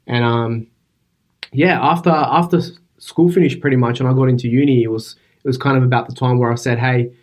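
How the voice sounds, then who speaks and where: Easygoing young man. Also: mid-range voice. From Iraq, raised in western Sydney. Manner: relaxed, easygoing, some restarts. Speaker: guest bodybuilder and engineer. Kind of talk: casual interview. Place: office.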